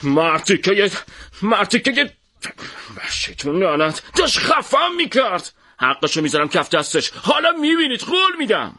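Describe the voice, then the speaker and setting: A man voicing a hot-tempered, bullying male shopkeeper in an audiobook, with a shouting, threatening delivery. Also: high voice, huge pitch swings, voice pushed up, exaggerated voice. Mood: shaken, vengeful. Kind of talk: audiobook character voice.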